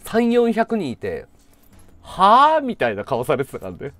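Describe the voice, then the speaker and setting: Animated man telling a funny story. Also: medium pitch, moderate pace, no room sound. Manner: acts out quoted people in changed voices, laughs often. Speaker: live streamer. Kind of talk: casual storytelling chat.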